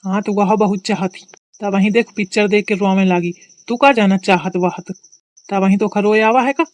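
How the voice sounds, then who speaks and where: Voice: mid-range voice, steady tone, normal speed, no echo, natural voice. A performer voicing a naive, simple-minded young village man with a Kanpuri accent in a cartoon comedy. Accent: Kanpuri rural Hindi.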